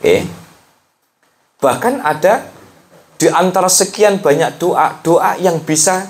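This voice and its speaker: A man with a Javanese accent giving a sermon on a religious text, talking chattily with the audience and slowly chanting prayers. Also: high voice. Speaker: preacher teaching a religious text.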